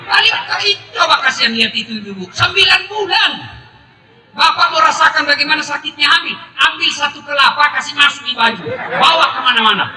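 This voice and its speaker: A middle-aged man preaching a humorous sermon to a live crowd, animated and breaking into shouts. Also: very high voice, a little fast. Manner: jokey, animated, bursts into shouting. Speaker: Islamic preacher. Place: public gathering with live audience. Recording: echoey and distant with crowd noise. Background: audience laughter and ambient noise.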